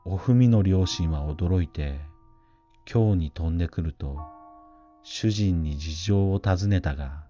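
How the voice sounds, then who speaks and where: A man narrating a scripted ghost story in a hushed, grave, unhurried manner. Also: low-pitched, lo-fi sound, faint music behind.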